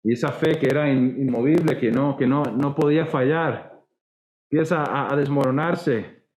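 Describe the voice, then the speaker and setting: A man's voice: mid-range voice, normal speed, darkish tone, reverberant, rough recording. A man preaching a sermon with a Costa Rican accent, conversational and acting out the voices he quotes. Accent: Costa Rican Spanish. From Costa Rica. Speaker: pastor.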